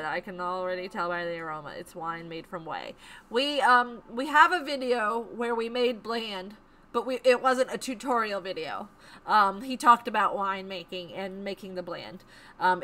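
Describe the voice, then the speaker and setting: A woman co-hosting a homesteading live stream, chatting casually and excitedly, laughing often and repeating herself for emphasis. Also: mid-range voice. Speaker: homesteading channel co-host.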